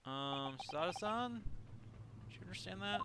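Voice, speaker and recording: A man's voice: sits high, expressive, measured pace, heavy background noise. A man streaming a game live, making wry casual asides while reading the dialogue aloud.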